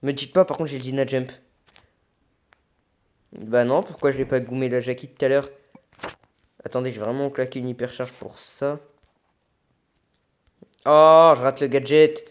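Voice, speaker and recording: A man doing casual gameplay commentary as an excitable, raging gamer who swears. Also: medium pitch, normal speed, pauses often. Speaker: gaming video creator.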